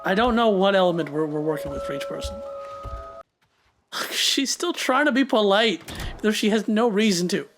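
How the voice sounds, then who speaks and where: A man's voice: high voice, expressive, fairly bright tone, soft background music. Chatty young man reacting to a show. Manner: talks back to the screen, quick asides and laughs. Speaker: reaction video host. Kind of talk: casual reaction commentary.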